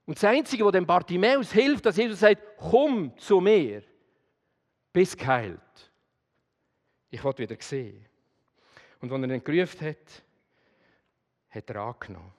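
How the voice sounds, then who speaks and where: A man with a Swiss German accent preaching a sermon, swinging between loud emphasis and quiet, intimate address. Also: fairly high pitch, lively intonation, moderate pace, pauses often, long reverb tail.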